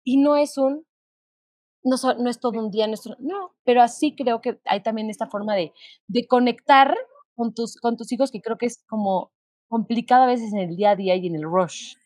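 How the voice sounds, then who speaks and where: A woman, co-hosting a podcast and talking candidly in a lively, conversational way. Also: on the high side, normal speed, dry recording, studio quality. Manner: candid, animated storytelling with quoted asides. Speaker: podcast co-host. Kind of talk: casual conversation.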